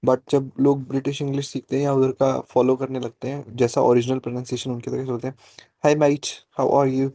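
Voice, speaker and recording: Teaching French to students over video, a man speaks in a warm, monotone, mid-range voice with no echo. The live online class blends Hindi and English. He takes things slowly and patiently, often checking understanding with "ठीक है."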